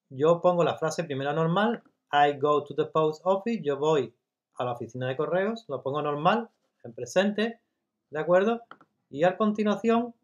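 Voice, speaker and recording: A man teaching English grammar step by step in Spanish, patiently checking in with his students and reading example sentences slowly. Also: on the high side, lo-fi sound. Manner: patient, repeats checks like "¿vale?" and "¿de acuerdo?".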